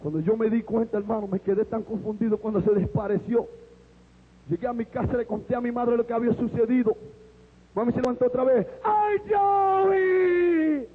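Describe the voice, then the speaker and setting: A man's voice: very high voice, quick pace, husky. Fervent male preacher, acting out his story; long hall reverb. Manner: animated storytelling, acts out the voices. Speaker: preacher giving his testimony. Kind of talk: fervent testimony sermon. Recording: echoey hall, phone-like lo-fi sound.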